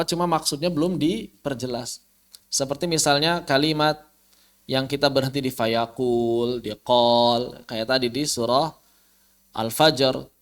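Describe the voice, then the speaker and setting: An Indonesian man with a mid-range voice teaches the rules of Quran recitation in an online lesson. He explains using rhetorical questions and chants Arabic verses slowly.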